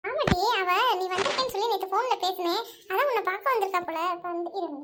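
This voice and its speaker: A woman's voice: very high-pitched, fast, fairly bright tone. A woman voicing a scolding middle-aged mother in a home family drama where she plays every role. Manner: scolding, calls daughters "ஏடி". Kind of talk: home family drama, one narrator voicing all roles.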